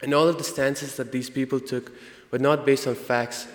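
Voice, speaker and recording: A young adult man with an Indian accent delivers an earnest, prepared student speech at a convocation in a large indoor hall. His mid-range voice stays steady, though he halts now and then to correct himself, and the hall's long reverb echoes around him.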